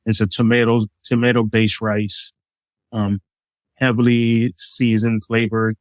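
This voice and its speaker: Speaking unhurriedly with little pitch movement, a middle-aged chef from Liberia describes his dishes as a guest in a relaxed interview, leaning on examples and plenty of fillers. The low-leaning voice has no echo, but the recording quality is low.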